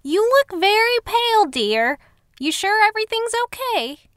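A woman voicing a nosy, obnoxious middle-aged woman neighbor in a spooky storybook, loud and overly familiar. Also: very high-pitched, very animated, measured pace, dry recording, clean studio sound, pitched above the performer's own voice, heavily acted. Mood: prying.

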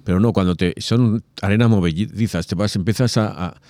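Deep-voiced man, animated chat. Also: a little fast, no echo. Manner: animated, acts out quoted voices, many asides. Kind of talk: casual religious conversation.

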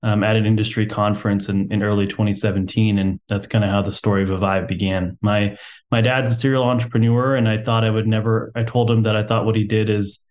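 A man's voice: on the low side, little pitch movement, fast, a little mellow. A young man from Texas, a company co-founder, talking casually as a podcast guest with lots of "um"s and a self-deprecating humor. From Texas, USA.

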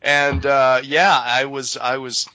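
Forceful bright guy rambling on a hobby podcast, dry sound, kinda lo-fi. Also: mid-range voice, flat delivery, slow, no room sound. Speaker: podcast panelist. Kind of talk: casual hobby podcast chat.

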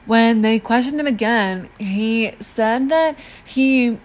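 A woman co-hosting a podcast, telling a true crime case in a casual, slangy chat. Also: fairly high pitch. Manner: chatty, slangy, acts out police in quick asides.

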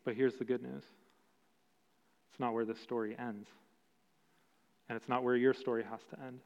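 A man preaching a sermon as pastor, slow and emphatic with long pauses. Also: mid-range voice, level tone, vocal fry. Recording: dull sound with long hall reverb.

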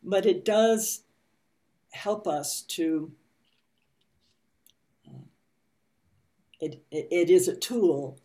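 A woman leading a spiritual study group, gently reading and teaching with pauses and soft fillers. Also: fairly low pitch. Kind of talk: slow meditative reading and teaching.

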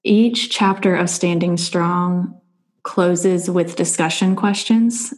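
A woman's voice: lowish voice, fairly even intonation, takes it slowly. A woman hosting a faith-based podcast interview, talking in an earnest, reflective way. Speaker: podcast host.

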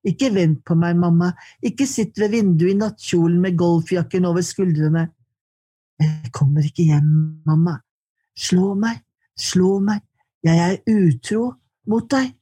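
A woman reading her poetry aloud in slow, measured lines, then answering questions in conversation. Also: lowish voice, warm tone, husky. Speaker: poet and guest.

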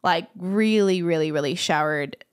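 Chatty woman with a lowish voice. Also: normal speed, smooth. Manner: chatty, fills speech with "like". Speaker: podcast guest. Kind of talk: casual personal storytelling.

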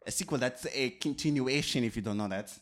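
A man playing a self-important, fake French film director in an improvised comedy bit, talking in halting, repetitive, deadpan boasts. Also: medium pitch, close to an everyday voice. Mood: deadpan boastful. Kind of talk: improvised comedy role-play.

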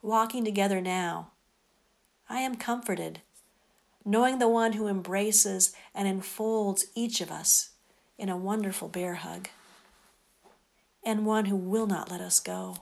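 Female preacher, gentle and unhurried, gravelly fry in the voice, sermon and guided meditation delivery. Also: mid-range voice. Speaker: preacher leading guided prayer. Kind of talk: sermon and guided breath prayer.

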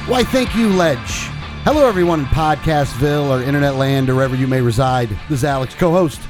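A man's voice: medium pitch, expressive, brisk, music in the background, rough recording. An American man talking casually as co-host of a podcast. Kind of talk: casual chat.

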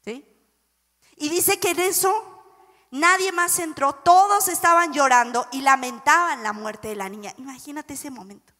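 A high-pitched woman preaches to a congregation in a lively, playful way, acting out scenes from the Bible. Her voice carries a long reverb from a large church hall. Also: moderate pace. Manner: animated, playful, acts out Bible scenes and jokes with the audience. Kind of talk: sermon.

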